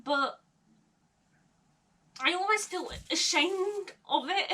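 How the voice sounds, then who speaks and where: Speaking slowly in an extremely high, pushed and bright voice, this young adult woman confides to her camera from her bedroom. Occasional stutters and nervous laughter break up her personal vlog, picked up by a camera mic at short range that sounds a little far off.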